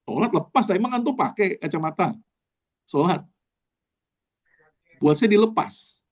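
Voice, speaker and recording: A man's voice: high-pitched, expressive, a little slow, highs cut off. A man, a doctor, giving a casual online lecture, explaining step by step with frequent fillers.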